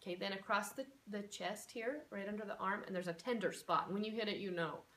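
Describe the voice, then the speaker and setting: A woman teaching a tapping technique, chatty and casual, who lists emotions in soft murmurs. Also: medium pitch, fairly quick, far from the mic. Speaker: tapping instructor. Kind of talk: guided self-help demonstration.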